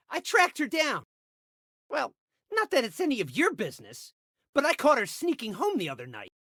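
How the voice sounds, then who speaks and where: Excitable, high-voiced young bodyguard. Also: male voice, no echo, clean studio sound, full character voice. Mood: officious. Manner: excitable, awkward, hammy. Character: eager, lovesick, bumbling young male bodyguard. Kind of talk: animated video game character acting.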